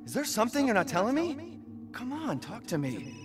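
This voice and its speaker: A man's voice: extremely high pitch, wildly swooping pitch, fairly quick, full character voice. An actor playing a worried young father in a video game, speaking earnestly and pleading. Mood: reassuring, pressing. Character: worried young father searching for his baby daughter. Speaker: game protagonist. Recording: game audio under loud music.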